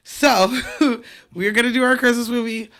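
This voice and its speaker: A woman's voice: on the high side, fairly even intonation, moderate pace, fairly bright tone. A woman co-hosting a podcast, talking in a brash, profane, laughing way in a casual chat. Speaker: podcast co-host.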